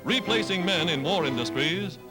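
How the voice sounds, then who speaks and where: A man with a high-sitting, expressive voice narrates a 1940s wartime newsreel at a moderate pace, using an emphatic, declaiming style. The old newsreel soundtrack carries loud music under his voice.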